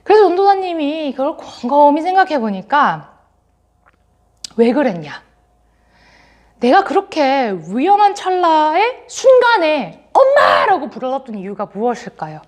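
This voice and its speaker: Lively high-voiced woman preaching to children. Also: a little slow. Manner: animated, acts out quotes, laughs while telling. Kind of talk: children's sermon storytelling.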